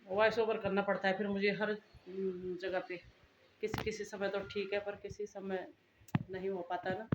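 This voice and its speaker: A woman's voice: medium pitch, little pitch movement, moderate pace, highs cut off, background noise. Middle-aged woman, homely chatty vlogger, roomy echo, faint background ambience. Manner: chatty, homely, talks straight to viewers. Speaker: family vlogger. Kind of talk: casual chat to camera. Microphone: phone camera.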